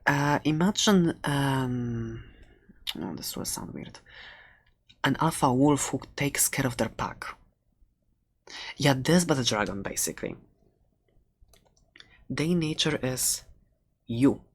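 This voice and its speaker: This performer plays a furry animal shopkeeper for ASMR, soft-spoken and halting, slipping into whispers, affectionate but faintly menacing. The mid-range voice is expressive and exaggerated with a breathy edge, in an earnest, explaining mood.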